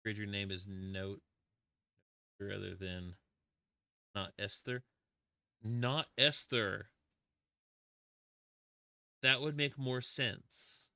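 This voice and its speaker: Man, game streamer, casual chat, self-deprecating, somewhat low voice, dry close sound. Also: fairly even intonation, slow pace, gravelly, pauses often, smooth, no room sound. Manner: chatty, self-deprecating, greets chat warmly. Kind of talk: casual live-stream chat while playing.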